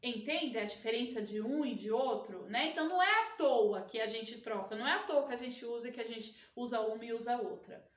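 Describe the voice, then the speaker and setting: Brief: teacher, a woman with a high voice, patient and explanatory, recorded in an echoey room from a distance. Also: a little fast, few pauses, muffled recording. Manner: explanatory, constantly checks in with listeners. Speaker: Portuguese teacher. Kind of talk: recorded grammar lesson.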